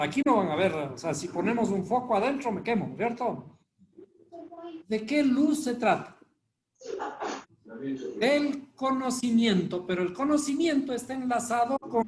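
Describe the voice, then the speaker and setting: A man's voice: extremely high pitch, darkish tone. A man teaching a live Bible study class, constantly quizzing his listeners with rhetorical questions. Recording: echoey room with faint noise.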